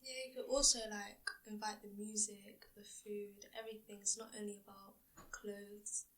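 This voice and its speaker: A woman's voice: medium pitch, flat delivery, normal speed, a bit bright, distant mic, rough recording. A teenage female student chatting casually in a school podcast, with frequent "like" fillers. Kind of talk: casual discussion.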